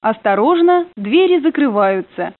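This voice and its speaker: A woman's voice comes over a train intercom, rather high and lively in its rise and fall. The sound is narrow and phone-like, with no room around it. She announces stops and door warnings in a polite, formal way. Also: unhurried, no room sound. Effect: played over a train intercom. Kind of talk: prerecorded transit announcements.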